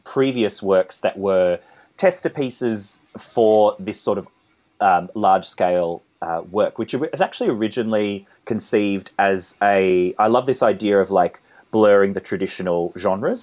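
An Australian man speaks as an interview guest in a low voice, circling his points with restarts and asides. The audio is slightly dull and lo-fi. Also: darkish tone. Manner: rambling, many restarts and asides. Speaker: composer and conductor guest. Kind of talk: conversational interview.

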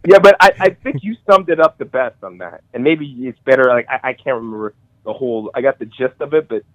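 A middle-aged man sharing memories of a friend on a call, halting with many restarts and emotional. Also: mid-range voice, no echo. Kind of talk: casual conversation. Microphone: call audio. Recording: tinny phone-like call audio.

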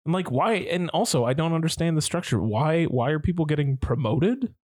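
Male podcast co-host, casual and animated, incredulous rises, dry close sound. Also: fairly high pitch, fairly quick, dry recording. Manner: animated, swearing, rising into incredulous questions. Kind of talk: casual chat.

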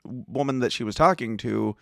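A man's voice: mid-range voice, moderate pace, creaky, no room sound, clean studio sound. A man co-hosting a casual news podcast, joking and laughing often through the banter. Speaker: podcast co-host.

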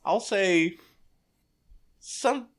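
A man's voice: sits high, lively intonation, very slow. A man with a Boston accent co-hosting a podcast in casual, comedic banter, given to mock-dramatic exaggeration. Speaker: podcast co-host.

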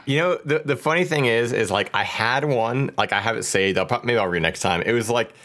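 A man's voice: medium pitch, brisk, a bit bright. A man co-hosting a casual podcast chat, rambling with a lot of "like". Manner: rambling, full of "like". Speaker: podcast co-host.

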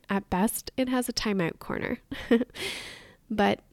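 A woman's voice: mid-range voice, slow pace, no room sound. A woman hosting a motivational podcast as a weight loss coach, talking in an upbeat, encouraging way. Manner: upbeat and encouraging, with light laughs.

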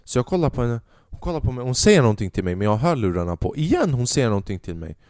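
A man's voice: medium pitch, dry recording, studio quality. A man in his twenties, a podcast host and stand-up comedian, telling rambling, profane comic stories in a casual monologue. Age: 20s. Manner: profane, rambling, animated storytelling.

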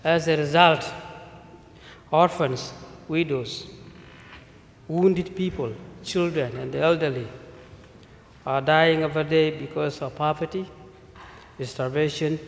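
A male priest from South Sudan giving a measured mission appeal sermon in a church, listing needs one by one. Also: on the high side, steady tone, vocal fry. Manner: slow, measured delivery with listed phrases. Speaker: visiting priest. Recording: echoey church with long reverb.

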